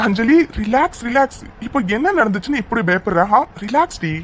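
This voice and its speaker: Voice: mid-range voice, lively intonation, a little fast, over music, close to an everyday voice. A performer voicing a teasing, protective young man. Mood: teasing reassuring. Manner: playful, reassuring, affectionate teasing. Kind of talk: animated cartoon story dialogue.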